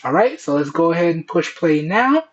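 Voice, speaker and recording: A man with a fairly high voice chats through a product review, often pausing to check in with his viewers. His voice comes through Bluetooth earbud microphones, so it sounds muffled and lo-fi. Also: sing-song, noisy background. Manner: chatty, keeps checking in with "okay?" and "all right?". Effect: voice captured through Bluetooth earbud microphones. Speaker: tech reviewer. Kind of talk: casual product review to camera. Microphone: wireless earbuds. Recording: dull lo-fi Bluetooth earbud mic.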